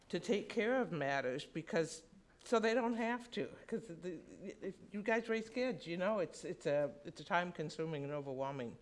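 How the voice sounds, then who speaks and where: A middle-aged woman giving a public comment at a school board meeting, speaking haltingly and conversationally with many restarts. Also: low voice.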